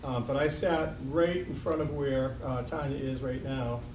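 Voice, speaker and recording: In a school board meeting room, a man in his sixties with a slight Boston accent delivers a farewell speech as superintendent, reflective and lightly joking, with frequent ums. His mid-range voice is steady and a little slow. The recording is echoey, distant, and noisy.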